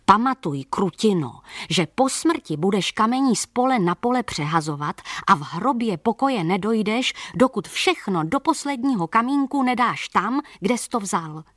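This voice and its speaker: A woman's voice: mid-range voice, expressive, few pauses, no room sound, studio quality, pitched above the performer's own voice, close to an everyday voice. Woman doing an angry cursing neighbor. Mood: furious. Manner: cursing, raised voice. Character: angry village neighbor, a man.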